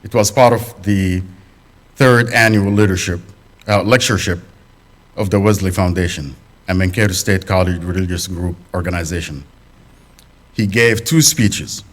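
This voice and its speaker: Low-voiced man speaking to a congregation. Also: steady tone. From Sudanese family, raised in the UAE. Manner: unhurried, with fillers and restarts. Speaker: guest speaker. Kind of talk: talk at a congregation. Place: fellowship hall.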